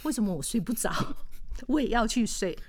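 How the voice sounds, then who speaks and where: A woman with a Taiwanese Mandarin accent hosts a casual podcast chat. Her pitch swings widely as she tells stories with animation, laughing often along the way. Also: expressive, moderate pace, husky. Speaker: podcast co-host.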